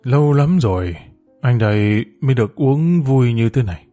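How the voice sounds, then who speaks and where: A man voicing a loud, coarse, hard-drinking male gang boss in a storybook. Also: mid-range voice, animated, moderate pace, faint music behind, natural voice. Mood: boisterous.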